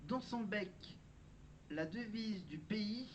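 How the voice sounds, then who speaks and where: In a dull, lo-fi recording with faint noise behind him, a vlogger with a high-pitched voice and lively intonation speaks slowly. He's chatty, presenting trivia and frequently correcting himself along the way.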